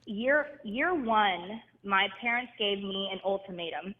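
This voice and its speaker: A woman's voice: mid-range voice, animated, a little slow. A woman in her thirties calling in to a live talk show over the phone, explaining earnestly at length with lots of "like" and "you know". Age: 30s. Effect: heard over a phone line. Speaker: caller. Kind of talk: caller on a live call-in show. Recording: tinny phone line with long reverb.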